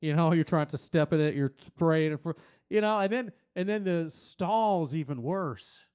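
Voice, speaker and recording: Guy doing stand-up on a small stage, crude rambling bits, smooth clear voice, kinda high. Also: animated, moderate pace. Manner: crude, rambling, talks to the crowd; puts on loud silly voices for quotes. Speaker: stand-up comedian. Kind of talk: stand-up comedy set.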